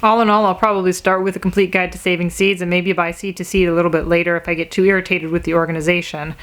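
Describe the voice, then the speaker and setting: امرأة تراجع كتابًا بصراحة وانزعاج خفيف. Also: female voice, on the low side, flat delivery, fast talker, a bit bright. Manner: frank, critical, mildly exasperated. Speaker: book reviewer. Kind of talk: casual book review.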